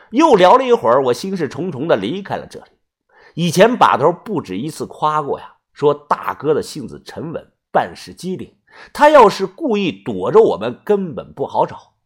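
Male storyteller, husky and colloquial, rather high with a swinging delivery. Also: big pitch swings, normal speed. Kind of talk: first-person audio novel narration.

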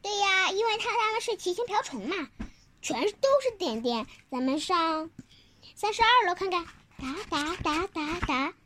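A child telling a picture-book story informally, halting, repeating words and asking the listener questions. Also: very high voice, big pitch swings, pushed and bright, a little hiss or hum.

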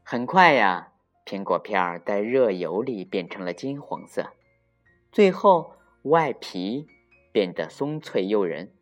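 A storyteller reading a children's picture book aloud in a slow, expressive way. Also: sits low, faint music behind.

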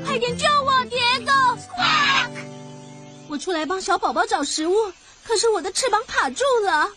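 A woman's voice: very high-pitched, lively intonation, moderate pace, pushed and bright, faint music behind, exaggerated voice. A woman voicing a worried but grateful mother macaw in a children's cartoon. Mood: distressed, pleading. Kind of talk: animated children's show dialogue.

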